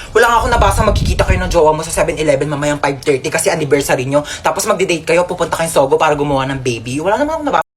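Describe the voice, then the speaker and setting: Woman, sassy comic skit voice, highish pitch, noisy home video. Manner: sassy, exaggerated, playing many roles. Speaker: comedy skit creator. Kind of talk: comedic skit role-play.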